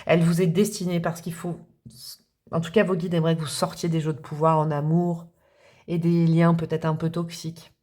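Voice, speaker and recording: A tarot reader with a deep, darkish voice gives a casual reading, speaking straight to her viewers and thinking aloud as she goes.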